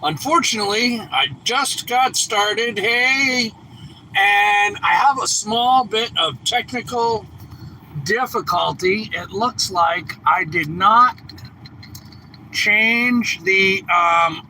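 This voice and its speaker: Holding his phone camera, a man hosts a casual live stream for his homestead channel while sitting in his truck. He rambles, chats and fumbles with gear, a bit congested from a lingering cough. He speaks slowly in a high, pushed, bright voice, and the low-quality recording carries some hiss or hum.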